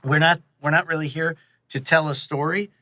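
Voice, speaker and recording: A middle-aged man, an audio series creator, chats casually as a guest in a podcast interview, telling anecdotes conversationally. His voice is on the high side, pushed and bright, with fairly even intonation at normal speed, and there is no echo.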